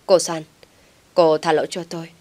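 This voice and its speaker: A woman's voice: sits low, flat delivery, moderate pace, darkish tone. A woman voicing a bewildered young man who stammers in panic. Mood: panicked. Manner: stammering, flustered.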